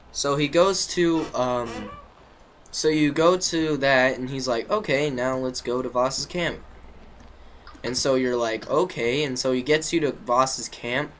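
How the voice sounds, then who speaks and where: A man's voice: medium pitch, a bit bright, a little hiss or hum, rough recording. Rambling casual guy recapping a game. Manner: rambling, full of fillers and restarts; casual and jokey, slangy. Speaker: gaming video creator.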